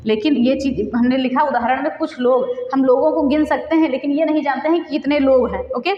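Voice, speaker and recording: A woman's voice: high-pitched, fairly even intonation, fairly quick. A woman teaching a grammar lesson for exam preparation. She repeats her examples, asks questions and answers them herself, and drops English words into her talk. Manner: mixes English words into Hindi. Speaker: Hindi teacher. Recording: echoey, dull recording in a reverberant room.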